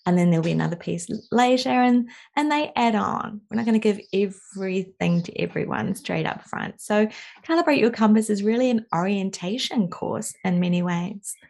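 An enthusiastic woman co-hosting a casual podcast, chatty and warm in her phrasing. There is a gravelly vocal fry running through her voice, and her pitch sits mid-range. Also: animated, normal speed. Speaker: course co-host.

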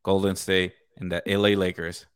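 Low-voiced frat-bro guy talking sports. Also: level tone, normal speed, clear, resonant tone, no room sound, clean studio sound. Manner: laid-back frat-bro talk, swearing, peppered with "dude" and "man". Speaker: co-host of a sports talk live stream. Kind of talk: casual sports banter.

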